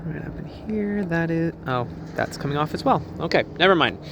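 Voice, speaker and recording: A man's voice: fairly high pitch, animated, gravelly, noisy background. Easygoing man giving a car walkthrough. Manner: easygoing, laughs often, quick asides. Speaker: car dealership salesman. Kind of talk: casual vehicle walkthrough. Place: car dealership lot and vehicle interior.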